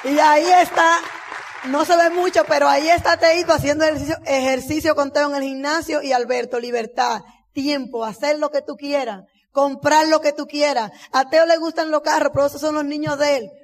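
A high-pitched woman speaks in her forties, giving a heartfelt testimony to an audience. She tells her story with feeling and acts out each line of dialogue. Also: fairly even intonation, brisk. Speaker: motivational speaker. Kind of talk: stage testimony speech.

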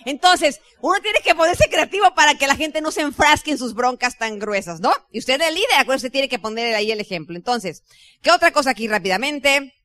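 A high-pitched woman with a Mexican accent coaches her sales team in a chatty, lively way, slipping into quick impressions of other people. Her tone is bright and sharp, and the recording is close and dry with little room sound. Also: no echo. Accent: Mexican Spanish. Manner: lively, chatty, mimics voices in anecdotes. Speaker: network marketing team leader. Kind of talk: motivational business talk.

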